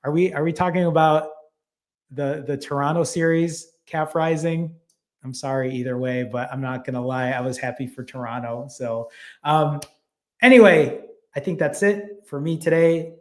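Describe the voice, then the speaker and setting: A man's voice: fairly high pitch, fairly even intonation, moderate pace, darkish tone. A man, casually hosting a live stream, reading viewer comments and thanking people by name, a little out of breath. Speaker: fasting channel host.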